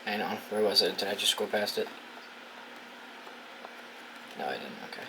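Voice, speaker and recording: A young New England man reviews a gadget on video from his dorm room, talking quickly with lively intonation as he unboxes and configures it. His fairly low voice stays informal and unfiltered, full of thinking aloud and free swearing. Clear noise sits in the background.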